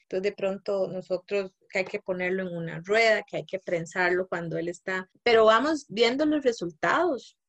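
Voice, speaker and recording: A woman's voice: mid-range voice, moderate pace, few pauses, a bit bright. A woman with a Costa Rican accent, speaking as a parent in an interview. She talks casually and keeps tagging her sentences with "¿verdad?", often laughing between phrases. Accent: Costa Rican Spanish. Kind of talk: casual personal account.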